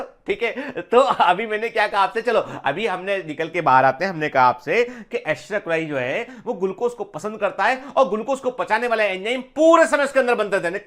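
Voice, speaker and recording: A man's voice: high voice, a bit bright. A man teaching biology in an online exam-prep lecture, chatty, mixing English phrases into his talk and telling personal stories.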